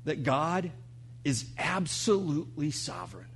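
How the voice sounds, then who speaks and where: A middle-aged man preaching a sermon, telling personal stories and climbing to loud, emotional peaks before dropping to soft, quiet lines. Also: on the high side, big pitch swings, unhurried, slight background noise. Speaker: pastor.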